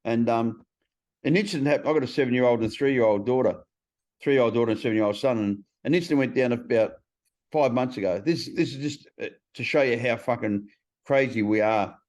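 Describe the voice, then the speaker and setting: A podcast host with a darkish mid-range voice talks fairly quickly in a casual conversation. He's blunt and swears a lot while acting out what others said. The sound is lo-fi and slightly dull.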